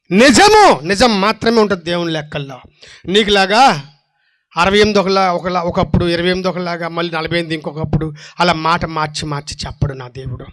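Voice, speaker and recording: A man preaching a sermon, firing rhetorical questions and swinging between loud, forceful lines and soft, low asides. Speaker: pastor.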